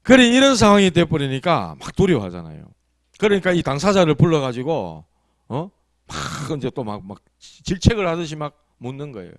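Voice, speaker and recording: A man preaches to a small church, his voice rising and falling widely as he throws rhetorical questions at the pews. The tone sits a little high for a man, and the sound is close and dry with no room echo. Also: very animated, normal speed. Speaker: pastor. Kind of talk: afternoon sermon.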